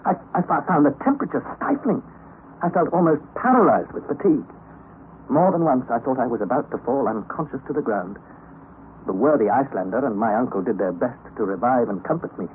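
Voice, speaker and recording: The old radio recording is tinny and lightly hissing. A male actor with a mid-range, expressive, natural voice speaks fairly quickly as the young nephew who narrates his wearying underground expedition with earnest drama.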